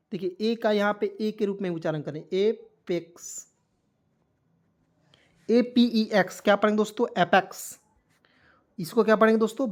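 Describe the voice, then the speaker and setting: A man leads a video lesson on English spelling. He spells each word out letter by letter, then repeats it slowly and patiently. He keeps talking straight to the viewers as his friends. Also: sits high. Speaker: English teacher. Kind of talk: online spelling lesson in Hindi.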